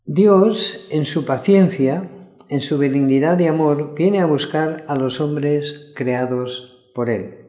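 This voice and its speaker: Male preacher reading scripture, measured and emphatic, slightly high voice, echoey room. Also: dark tone. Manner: reads scripture slowly, stressing the crowd's cries. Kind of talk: sermon with Bible reading.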